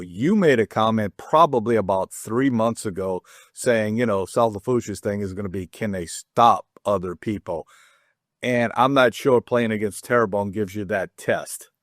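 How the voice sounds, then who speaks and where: Chatty, low-voiced man hosting a sports show. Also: no room sound, clean studio sound. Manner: rambling, chatty, restarts with self-deprecating jokes. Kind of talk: casual sports talk.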